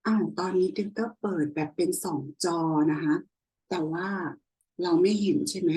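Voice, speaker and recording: A young woman tutoring a language lesson over a screen share, explaining slowly and often checking in with her listener. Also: on the low side, dark tone, slightly rough, poor audio. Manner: slow, explanatory, frequent checking questions.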